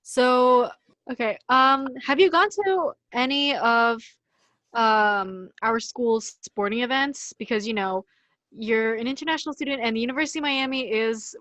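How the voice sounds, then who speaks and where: A woman's voice: a little high, normal speed, a bit bright, no room sound. A young woman co-hosting a casual podcast, speaking emphatically and repeating words for stress. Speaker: podcast co-host.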